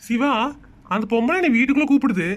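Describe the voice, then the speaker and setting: A tipsy cartoon husband, put on by a woman drawls slowly and proudly. His speech is slurred and full of cocky drunk swagger. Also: fairly high pitch, lively intonation, slight background noise, natural voice. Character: drunk boastful village husband, middle-aged man.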